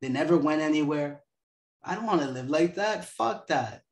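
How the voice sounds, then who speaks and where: A man's voice: fairly high pitch, normal speed, echoey room. Young man giving casual motivational talk. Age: 20s. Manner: laid-back, profane, animated storytelling. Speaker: host.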